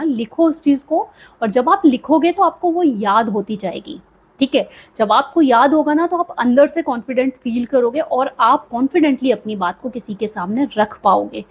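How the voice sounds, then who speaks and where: A woman's voice: high-pitched, darkish tone, slightly rough, muffled recording. A young woman coaching viewers on speaking, in an encouraging, conversational way and often checking in with "theek hai". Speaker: speaking coach, video creator. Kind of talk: motivational tips talk to camera.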